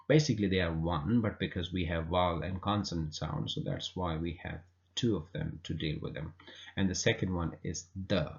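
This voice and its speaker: A man's voice: deep voice, moderate pace, vocal fry. A man teaching an English grammar lesson, explaining patiently with frequent fillers and repeated words. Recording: dull lo-fi recording.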